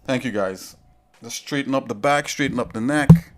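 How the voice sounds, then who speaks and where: A man's voice: medium pitch, normal speed, music in the background. A man hosting a casual livestream tutorial, rambling and chatting straight to his viewers from a home setup. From Trinidad and Tobago. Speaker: livestream host.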